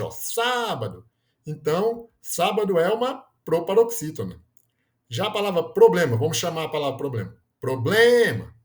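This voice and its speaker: A man explaining grammar in a lesson, often checking in with "né?" and correcting himself mid-word. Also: on the high side. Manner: explanatory, frequent "né?" tags, self-corrections. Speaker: teacher.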